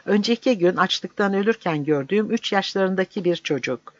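A reader voicing a grieving village barber who shouts his words into an old man's ear. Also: medium pitch, expressive, moderate pace, no room sound, dull audio, pitched above the performer's own voice, close to an everyday voice. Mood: tearful. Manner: loud, pleading, shouting into an ear.

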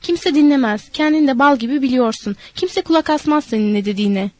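A woman's voice: high-pitched, a little fast, darkish tone, close to an everyday voice. A woman voicing a scornful young ranch wife who talks down to the men with cold threats. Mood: menacing.

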